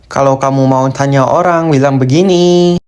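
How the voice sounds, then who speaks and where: A voice announcing each topic with short, flat prompt-style lines. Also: mid-range voice, normal speed.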